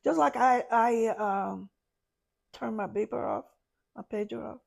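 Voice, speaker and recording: Woman guest on a podcast, real gravelly voice, talks slow, stops n restarts a lot. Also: on the high side, a little mellow. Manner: halting, restarts, searching for words. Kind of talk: personal story told in an interview.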